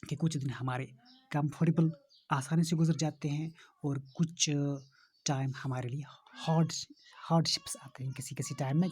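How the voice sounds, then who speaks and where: A man's voice: fairly high pitch, darkish tone, slightly rough. A man teacher, explaining a textbook story to pupils and restating each phrase with synonyms. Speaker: school English teacher.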